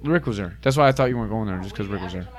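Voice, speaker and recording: A man's voice: lowish voice, very fast. A man hosting a podcast, talking in crude, teasing casual banter into a studio mic. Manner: joking, teasing, crude humor. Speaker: podcast host.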